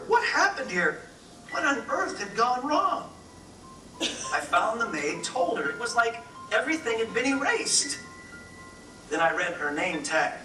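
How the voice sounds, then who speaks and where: A man narrating a rhyming story in a wry manner. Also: sits high. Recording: echoey room, distant mic, music behind.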